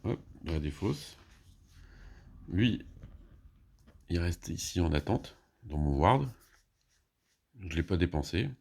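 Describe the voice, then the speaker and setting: A man's voice: low-pitched, lively intonation, slow pace, gravelly, pauses often, a little mellow, slight background noise. A man casually explaining his moves in a solo board game, thinking aloud with many hesitations and restarts.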